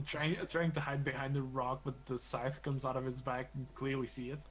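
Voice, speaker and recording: A man running a tabletop game as game master, relaxed and joking, often laughing. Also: mid-range voice, moderate pace, slight background noise, rough recording.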